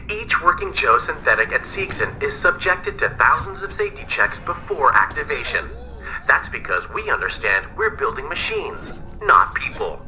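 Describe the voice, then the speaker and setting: A slick male announcer reading a corporate advert in a video game. His voice is extremely bright and sharp, and it swings widely up and down like a polished sales pitch. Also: a little hiss or hum, full character voice, rough recording.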